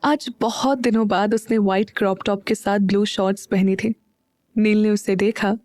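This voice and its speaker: A woman narrating a romance audio drama in a measured storytelling manner. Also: medium pitch, steady tone, darkish tone, no echo, studio quality.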